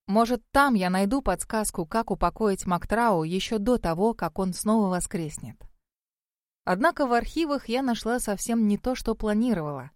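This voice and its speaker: A woman's voice: mid-range voice, animated, moderate pace, no room sound, studio quality. Wry woman narrating an audiobook. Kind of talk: first-person audiobook narration.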